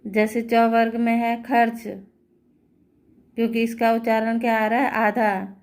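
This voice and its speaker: A woman's voice: fairly high pitch, little pitch movement. A woman teaching Hindi grammar, explaining patiently and checking understanding with rhetorical questions. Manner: patient, repeating words slowly and asking rhetorical checks. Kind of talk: classroom-style explanation.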